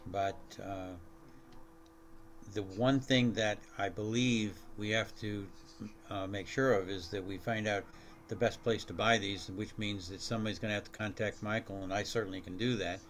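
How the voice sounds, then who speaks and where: Board member, lower male voice, measured, faint hiss behind. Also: fairly even intonation, a bit bright. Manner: deliberate, restarts often. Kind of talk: meeting discussion.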